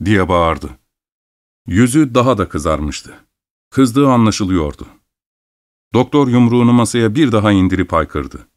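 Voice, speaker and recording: A man reading a story aloud as narrator, in a measured, expressive manner. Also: on the low side. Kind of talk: audiobook reading.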